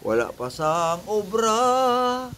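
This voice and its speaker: A man's voice: sits high, very animated, extremely slow, fairly bright tone. A man with an Ilonggo Filipino accent giving a casual, rambling vlog, repeating phrases in a sing-song way on a noisy amateur recording. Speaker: vlogger.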